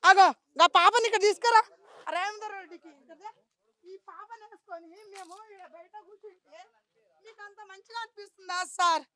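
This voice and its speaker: High, bright-voiced Telangana woman pleading. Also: fairly even intonation, normal speed. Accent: Telangana Telugu. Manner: impassioned, pleading, repeats herself. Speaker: local resident interviewed on the street. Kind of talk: street interview complaint.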